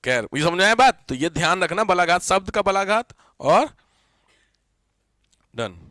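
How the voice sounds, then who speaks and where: A man teaching a Hindi grammar class, repeating examples slowly, often asking the students whether they have understood and mixing English words into his Hindi. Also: high-pitched, expressive, bright, forceful tone, no echo. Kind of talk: classroom lecture.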